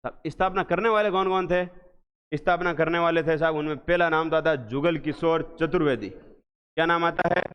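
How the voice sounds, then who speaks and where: Man, revision lecture, fairly high voice, smooth tone, repeats questions and answers, echoey hall, dull lo-fi audio. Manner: drills students with repeated questions, slow emphatic answers. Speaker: teacher.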